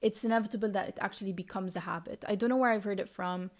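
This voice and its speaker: A woman with a mid-range voice and a Lebanese accent that is partly Americanized talks fast with fairly even intonation. As a solo podcast host, she speaks in a casual, confessional way, reflective and rambling.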